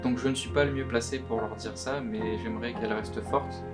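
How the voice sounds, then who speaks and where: A young man giving anonymous testimony, his voice disguised by being pitch shifted deeper, speaking earnestly and haltingly. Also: fairly even intonation. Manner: earnest, halting, often repeats words. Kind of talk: recorded testimony, answering questions. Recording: guitar music underneath. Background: plucked guitar music.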